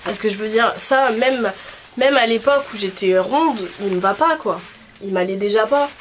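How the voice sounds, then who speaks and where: A woman's voice: fairly high pitch, moderate pace. Congested young woman with a honking, nasal voice. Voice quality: nasal, honking voice from a blocked nose. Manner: rambling, informal. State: congested with a cold. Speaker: cosplay vlogger. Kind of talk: casual video chat. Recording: clearly noisy background.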